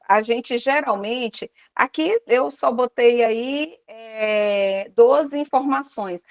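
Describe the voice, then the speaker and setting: Brazilian woman lecturing, slightly high voice. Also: fairly bright tone, dry recording. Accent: Brazilian Portuguese. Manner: explanatory, often checks in with "tá?". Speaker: university lecturer. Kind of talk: online lecture.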